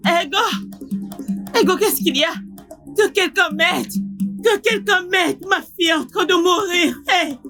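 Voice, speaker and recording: A fierce village mother in a dubbed film. Her voice sits high and sharp as she scolds with indignation. Faint music runs beneath her. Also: expressive, moderate pace. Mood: panicked.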